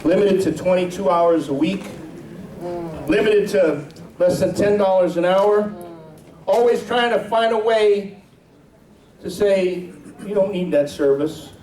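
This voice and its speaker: A man's voice: sits high, steady tone, takes it slowly, pauses often, a little mellow. A man giving a rousing speech to a political meeting, building his points through repetition. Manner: preacher-like repetition. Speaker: party chair giving a speech. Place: large hotel ballroom. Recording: echoey ballroom heard from far off.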